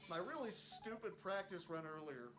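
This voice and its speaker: A man's voice: sits high, expressive, moderate pace, over music. Rambling man streaming a speedrun. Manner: rambling, chuckling, self-deprecating. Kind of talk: casual live game commentary.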